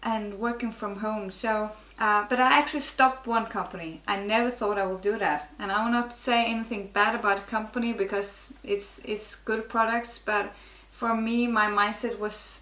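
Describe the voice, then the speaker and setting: Her mid-range voice stays steady at a moderate pace with few pauses, sounding pushed and bright, and the reverberant audio is poor. The speaker is a middle-aged Norwegian network marketer, guesting in a casual interview in accented English, frank and prone to restarting her sentences.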